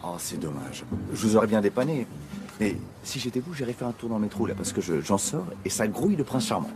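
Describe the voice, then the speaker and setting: A man's voice: lowish voice, very animated, quick pace, noisy background. An actor playing a smug, amused blond man who claims to be a fine match for a prince role. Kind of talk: film dialogue. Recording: music underneath.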